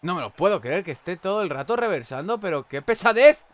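A young man with a Spanish accent gives lively commentary on a wrestling video game. His voice sits high, and he breaks into loud exclamations at the big moves. The close mic sounds dry, with no room echo. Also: brisk. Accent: Spain Spanish. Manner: exclaims loudly at big moves, chats casually. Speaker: gameplay commentator.

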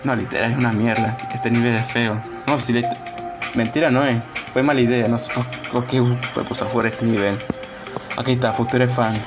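A young man, talking through his game stream in a voice of middling pitch. He chats casually with viewers, mocks himself and groans over hard levels. Loud music plays behind him. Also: little pitch movement, normal speed. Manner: chatty, self-mocking, groans and sighs while playing. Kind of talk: casual live-stream gameplay chat.

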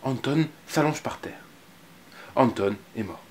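A man's voice: medium pitch, animated, a little slow, reverberant, slight background noise. A man presenting and reading a picture book aloud, casual and hesitant with many fillers.

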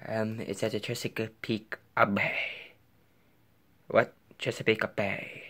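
His delivery is flat and slow, his voice on the low side yet fairly bright. He's a young man puppeteering several plush toys in an improvised skit on his bedroom floor and desk indoors, often falling to a whisper.

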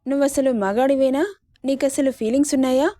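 A woman's voice: high voice, steady tone, brisk, mellow, no room sound, studio quality, lightly acted. Woman reading as a sassy cheeky young woman. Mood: teasing. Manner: teasing and sassy, mock-tearful pleading. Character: bold, cheeky young woman job-seeker.

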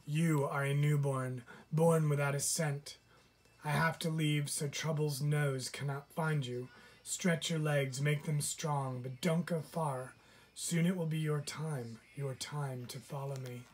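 A man reading a storybook aloud and voicing a calm, caring mother deer. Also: a little high, takes it slowly, slightly rough. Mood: tender.

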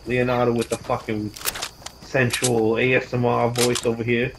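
A man's voice: mid-range voice, completely flat delivery, normal speed, noisy background. A man streaming a shooter game, swearing constantly and trash-talking other players in casual chat. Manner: profane, loud trash talk at other players. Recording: loud game gunfire behind voice. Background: loud gunfire and vehicle sounds from the game.

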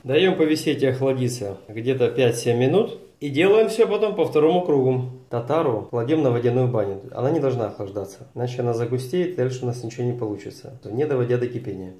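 A man's voice: medium pitch, mellow. Echoey Odesa-accented man narrating a recipe. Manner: folksy, chatty, addresses viewers directly. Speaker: cooking show host. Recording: roomy echo.

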